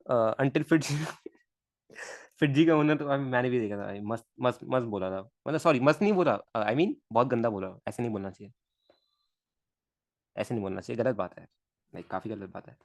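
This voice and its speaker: This is a man teaching physics in a live online session, chatting informally and murmuring to himself as he draws diagrams. He speaks at a normal pace in an expressive, mid-range voice, recorded dry and close without any room sound.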